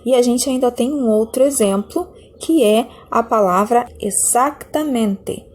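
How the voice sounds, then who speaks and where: Speaking unhurriedly in a fairly high, husky voice with a darkish tone, a Brazilian Portuguese-accented woman teaches Spanish. She walks through the lesson patiently and checks in with her students often.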